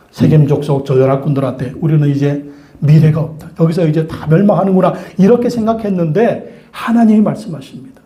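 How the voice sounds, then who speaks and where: A man's voice: a little high, mellow, roomy sound. A man preaching a sermon as pastor, who asks the congregation questions, answers them himself and repeats key phrases for emphasis.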